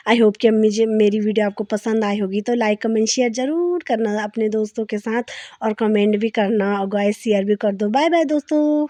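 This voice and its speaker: A woman's voice: medium pitch, fairly even intonation, moderate pace, dark tone, no echo. A young woman vlogger chatting casually as she narrates her day, telling little stories and laughing often. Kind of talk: casual daily vlog narration.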